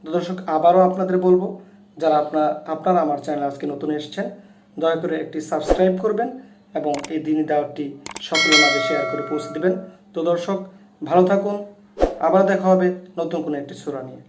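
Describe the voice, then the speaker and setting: A man teaching Quran recitation and pronunciation, explaining to viewers and then chanting each word of the verse slowly and loudly. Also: a little high, roomy sound, background noise. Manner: addresses viewers directly and repeatedly. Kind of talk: tutorial on Quran pronunciation and tajweed.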